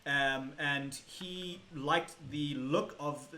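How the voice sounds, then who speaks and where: A man hosts a game stream in a friendly, chatty way and reads out viewers' questions. His voice sits a little high, and it sounds roomy, with a faint hiss running under it. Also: extremely slow, bright, forceful tone. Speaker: stream host. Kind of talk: casual chat on a game stream.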